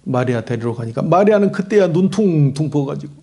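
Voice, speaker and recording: Male pastor preaching a sermon in church, high voice that swings all over, hammers phrases again and again. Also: expressive, a little fast, dark tone. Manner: emphatic, repetitive preaching with acted quotes. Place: church sanctuary.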